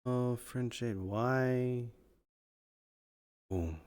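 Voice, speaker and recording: A man's voice: medium pitch, very slow, darkish tone, smooth. A man streaming, chatting casually to himself and thinking aloud. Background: faint music.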